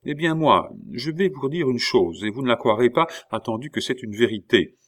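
A man's voice: mid-range voice, expressive, moderate pace, fairly bright tone. Man voicing a dry, humming old-style king. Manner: drawling, grunts and hums before lines. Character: King Louis XVI, calm, dry, ironic middle-aged man. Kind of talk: audiobook character reading.

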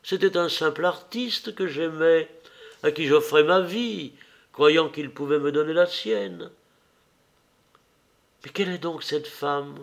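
In an audiobook reading, a male narrator voices a devoted young Greek woman who is timid and pleading. He delivers her lines slowly in a slightly high, tender, gravelly voice.

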